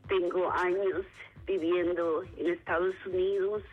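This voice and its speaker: Slow husky woman on a phone line. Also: on the low side, little pitch movement, faint music behind. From Honduras. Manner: earnest, emotional pleading. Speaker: caller living abroad. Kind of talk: phone-in comment.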